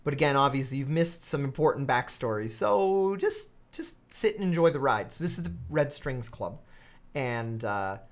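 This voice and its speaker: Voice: medium pitch, lively intonation, normal speed. A game streamer giving casual let's-play commentary, chatty with frequent laughs and fillers.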